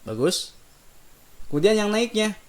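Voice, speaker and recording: A man teaching melodic recitation, calmly explaining each note and singing slow drawn-out demonstrations, gently encouraging students. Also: high-pitched. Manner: slow drawn-out sung phrases between unhurried explanations; gentle and encouraging, soft-spoken asides. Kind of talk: relaxed spoken lesson with sung demonstrations.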